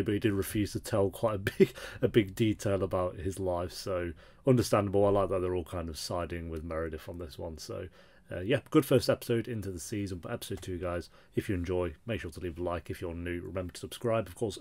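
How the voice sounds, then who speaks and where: A man's voice: low voice, brisk, darkish tone. A man hosting a reaction video with casual, off-the-cuff commentary while show audio plays behind him.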